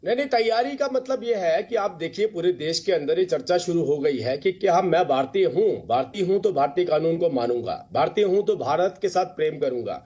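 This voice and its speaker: Husky, insistent male debate guest. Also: on the high side, animated, brisk, hardly any pauses, dark tone, muffled recording. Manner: insistent, rhetorical, repeating phrases. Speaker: party spokesperson, debate guest. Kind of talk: TV panel debate.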